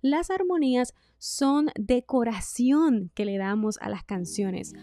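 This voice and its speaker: A woman vocal coach, giving a singing lesson in a clear, instructive way. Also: a little high, animated, slow, faint music behind. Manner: clear instructive delivery, demonstrates loud and whispered speech.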